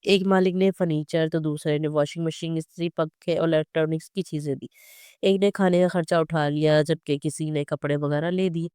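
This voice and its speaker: A storyteller reading a serialized novel aloud as scripted narration, steady and even. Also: medium pitch, moderate pace, clean tone, dry recording, studio quality.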